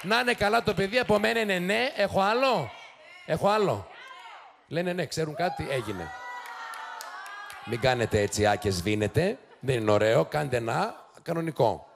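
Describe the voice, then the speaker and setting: Sarcastic gravelly male TV host. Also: on the high side, sing-song, a crowd in the background. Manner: sarcastic, teasing, quick mocking asides. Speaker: TV show host. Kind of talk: joking commentary to a studio audience. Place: TV studio. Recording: noisy studio with loud audience. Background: studio audience laughing and cheering.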